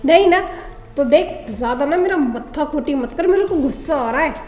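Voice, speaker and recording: A woman's voice: high voice, lively intonation, normal speed, darkish tone. An actress playing a rich, lonely wife in a scripted short drama. She coaxes at first and then turns bossy and threatening. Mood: domineering. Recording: echoey room with long reverb.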